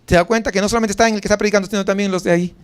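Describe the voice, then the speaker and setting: A pastor with a Mexican Spanish accent delivers a sermon in a notably high voice. He talks conversationally, firing off rhetorical questions and rising sharply for emphasis. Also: fairly even intonation, very fast, clean tone.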